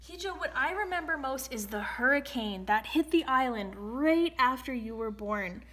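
A woman's voice: sits high, lively intonation, normal speed, a bit bright. A woman voicing a proud mother telling a dramatic family story in a storybook reading.

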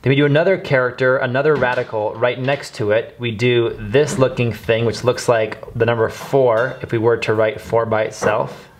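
A man's voice: medium pitch, steady tone, moderate pace, few pauses, slight background noise. A young man, a martial arts instructor, explaining terms in a video lesson and repeating words for viewers to copy.

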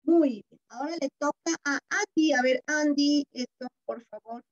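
A woman's voice: sits high, a little slow, highs cut off. A woman teacher with a Peruvian Spanish accent, reading a story aloud to young pupils and explaining it, often checking in with "¿verdad?". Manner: warm-toned, explanatory, keeps asking "¿verdad?". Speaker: primary school teacher. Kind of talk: reading comprehension lesson for children.

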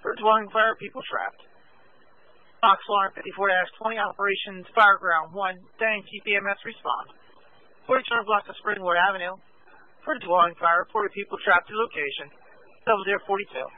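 A man's voice: high voice, a little fast, no room sound. A man working as a fire dispatcher, giving terse radio updates over a two-way radio. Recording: tinny narrowband dispatch scanner radio.

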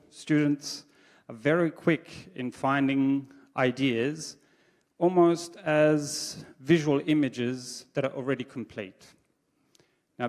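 This native English-speaking man presents at a conference, holding a handheld microphone on a dark stage in front of a projection screen. He speaks in a mid-range voice, thoughtfully and deliberately, often restarting and saying "um," while the big hall leaves a long echo.

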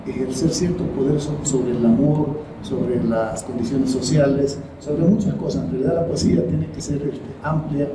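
A man's voice: mid-range voice, fairly even intonation. Reflective middle-aged man, echoey and distant. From El Salvador, raised in the United States. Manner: reflective, with many pauses and repeated words. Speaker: writer and poet, interview guest. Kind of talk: thoughtful interview answers. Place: high-floor room by a large window over a city. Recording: roomy echo from the camera mic at a distance, noise behind.

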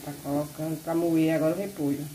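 A woman cooking at home chats quickly to her viewers in a low, level voice, filming on her phone in a small kitchen. The background is noisy, filled with a loudly sizzling pan and kitchen clatter.

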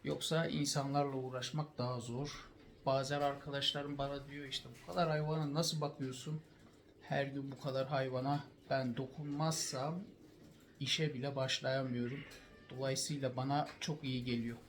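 A man's voice: mid-range voice, flat delivery, moderate pace. A man from Turkey showing his quails in a casual vlog, talking fondly and soothingly to the birds. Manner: fond, soothing, talks to the birds. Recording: noisy with bird sounds. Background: cooing birds, pigeons.

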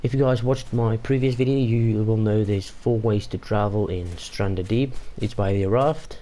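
A young gaming YouTuber, a native Afrikaans speaker, chats casually over gameplay in a fairly low, mellow voice at a normal pace. He rambles, with lots of fillers and restarts. There's a slight hiss or hum on the recording.

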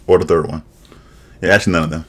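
Racing along in a low, slightly bright voice with a steady tone, a young man offers casual reaction commentary from a small room. He uses a webcam and desk mic, tossing out shady, sassy jokes and laughing frequently.

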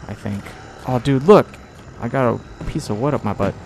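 A man's voice: mid-range voice, moderate pace, a little mellow, a little hiss or hum. A young man giving casual gameplay commentary with playful, self-mocking banter.

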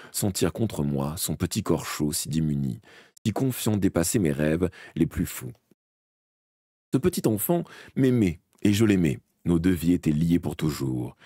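A man with a very low, husky voice reads a fantasy audiobook aloud in the first person. He reads in a dramatic, expressive way, and his pitch rises and falls widely. The recording is dry and close, with no room sound. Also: no echo. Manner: dramatic, expressive reading with small slips and restarts. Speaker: audiobook reader. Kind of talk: first-person audiobook narration read live.

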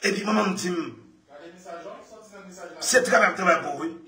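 A man talking excitedly in casual speech, laughing often and repeating his phrases. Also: high-pitched, a little slow. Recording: echoey room, far from mic.

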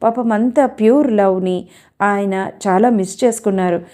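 A woman's voice: mid-range voice, normal speed, mellow, lightly acted. A woman reading the part of a young woman who earnestly speaks about the father who left her. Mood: wistful.

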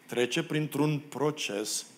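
A pastor from Romania preaching a sermon in a church, acting out the quoted biblical figures and making self-deprecating asides to the congregation. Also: male voice, fairly high pitch, a little hiss or hum. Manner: expressive preacher who acts out the biblical quotes. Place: church hall.

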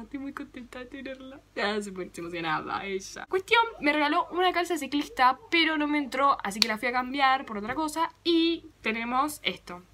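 A woman's voice: fairly high pitch, bright, forceful tone, a little hiss or hum. A young woman with a Rioplatense Spanish accent, chatting casually to camera in a dramatic, self-mocking vlog. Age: young adult. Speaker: vlogger.

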